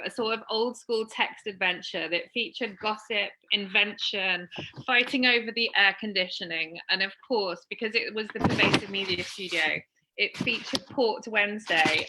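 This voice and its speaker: Bright-voiced woman reading a talk. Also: mid-range voice, slight background noise, poor audio. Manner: measured, reading from a script. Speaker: panel speaker. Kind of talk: read prepared talk.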